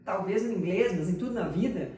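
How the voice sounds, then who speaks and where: A woman's voice: medium pitch, a little fast, warm tone. A woman hosting a casual interview and telling stories with animation. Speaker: host. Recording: echoey room from a distance, faint noise.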